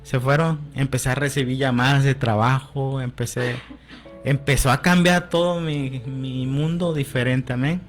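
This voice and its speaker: A man's voice: mid-range voice, steady tone, moderate pace, soft background music. Man telling his faith testimony. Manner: storytelling, with frequent "amén" and quoted dialogue. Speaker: guest giving testimony. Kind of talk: personal testimony on radio.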